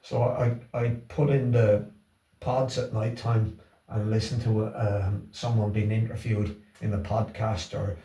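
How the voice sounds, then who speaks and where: A man's voice: fairly low pitch, level tone, a little slow, dark tone. A middle-aged or older man with a Wexford Irish accent, chatting casually in an interview, hesitating and repeating his words as he goes. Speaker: interview guest, Irish language class organiser. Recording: roomy echo, distant from the mic.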